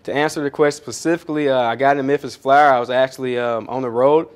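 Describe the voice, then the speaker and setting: A man's voice: mid-range voice, fairly even intonation, quick pace. A man, a pastry chef and founder, answering audience questions at a coworking space event in a chatty, rambling, self-deprecating way full of fillers. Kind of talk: casual onstage Q&A answers.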